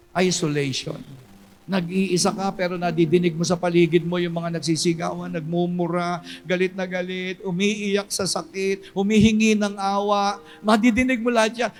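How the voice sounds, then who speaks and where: A man preaching a sermon as pastor, swinging between loud cries and low hushed storytelling.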